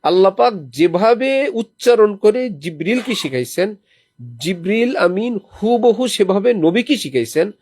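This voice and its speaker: A man's voice: sits high, animated, measured pace, a little mellow, dry recording, studio quality. A man preaching a sermon to a small gathering, reciting verses as examples and putting questions to his listeners. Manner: teaching with recited Quranic examples. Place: lodging during a visit to a holy city.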